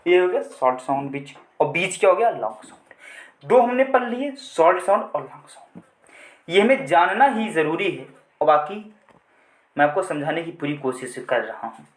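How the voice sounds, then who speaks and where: A male teacher gives an English lesson in Hindi, addressing viewers as friends, repeating points, and answering his own questions as he drills them. His slightly high voice swings widely in pitch at a moderate pace, and the sound is roomy.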